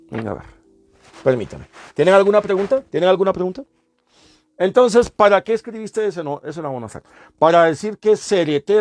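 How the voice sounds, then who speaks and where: A man lecturing a class, explaining step by step, repeating sounds and asking the class questions. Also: on the high side. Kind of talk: classroom lecture on language history.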